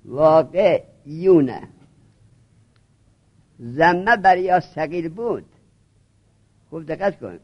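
Teacher, male, high pitch, drills and prods students through a grammar lesson; dull lo-fi recording. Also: lively intonation, long pauses.

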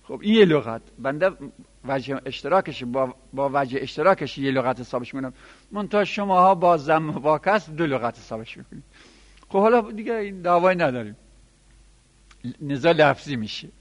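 A man's voice: fairly high pitch, expressive. Man lecturing in a reverberant hall. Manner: explanatory, enumerating word forms with emphatic rises. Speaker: teacher of Arabic grammar. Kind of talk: classroom lecture.

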